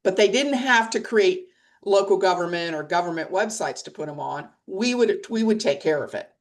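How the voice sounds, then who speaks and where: A woman's voice: medium pitch, lively intonation, normal speed. Blunt middle-aged woman on a webinar. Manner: blunt, plain-spoken, emphatic. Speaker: press association leader. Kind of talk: webinar discussion. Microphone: video call.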